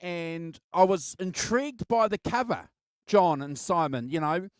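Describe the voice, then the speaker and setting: A middle-aged man hosting a casual music album chat, halting and repeating words as he reminisces. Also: high voice, lively intonation, no room sound, studio quality. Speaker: host of a music album show.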